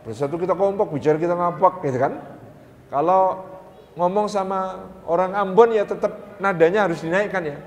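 High-voiced lively preacher. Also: male voice, moderate pace, long reverb tail, a little hiss or hum. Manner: lively, playful, mimics dialects, casual Javanese asides. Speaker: Islamic preacher. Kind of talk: sermon.

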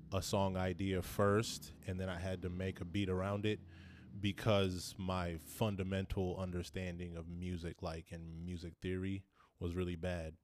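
A young man, a rapper and producer, answering interview questions in a relaxed, rambling way with restarts. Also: sits low, no echo, clean studio sound.

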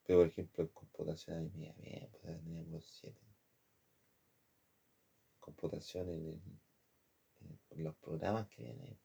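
A man's voice: extremely low pitch, fairly even intonation, normal speed, vocal fry, pauses often, mellow, husky. A man with a Chilean accent telling a personal story from his design studies in a rambling, slangy way, often calling the listener "compadre". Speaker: former design student.

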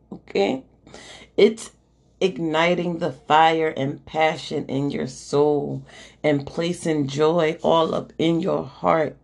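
A woman with a low, somewhat mellow voice, hoarse and losing it, hosts a live-streamed podcast where she casually reads oracle cards. She's chatty and slangy, swears, and keeps asking "okay?" as she reads the card texts aloud.

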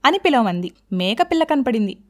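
A woman host telling a children's story in a lively, expressive singsong way. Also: a little high, fairly quick.

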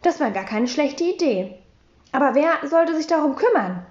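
Lively woman reading a children's story. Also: high-pitched, moderate pace, roomy sound, highs cut off. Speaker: audiobook reader. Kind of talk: children's audiobook narration.

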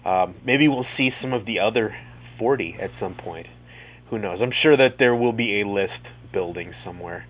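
A man's voice: fairly low pitch, normal speed, husky. A man co-hosting a podcast, talking casually and in a rambling way about a TV show. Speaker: podcast co-host. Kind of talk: casual TV episode discussion. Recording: thin, phone-like audio.

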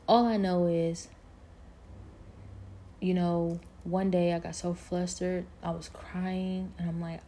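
A woman's voice: lowish voice, dark tone, a little hiss or hum. A woman telling a personal faith story in an earnest, reflective way, leaning on fillers like "like" and "you know".

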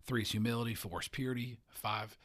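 A man's voice: mid-range voice, fairly even intonation, brisk, fairly bright tone. A man who is a pastor, talking earnestly in a casual podcast conversation and often repeating and restarting his words.

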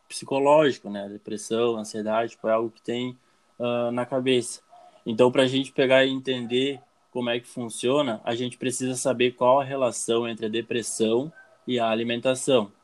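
A young Brazilian man answering interview questions casually, with many fillers and restarts. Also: medium pitch. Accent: Brazilian Portuguese. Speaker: guest.

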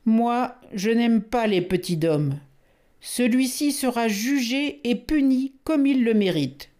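Lady reading as a cranky elephant general, higher than her usual voice, barks orders slowly. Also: animated, dark tone. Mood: gruff. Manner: barking, scolding orders. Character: bossy, short-tempered male elephant general.

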